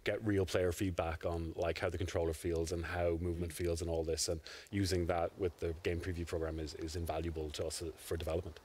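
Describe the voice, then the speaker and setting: A man's voice: low voice, flat delivery, fairly quick, few pauses, darkish tone, a little hiss or hum. A man, a game developer, answering questions casually with many fillers. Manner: casual, full of "like" and "uh". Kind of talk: live stream interview.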